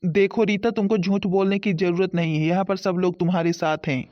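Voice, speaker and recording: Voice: medium pitch, steady tone, brisk, no echo, dull audio, pitched below the performer's own voice, close to an everyday voice. A voice actor playing a blunt, reproachful young husband and son in a cartoon.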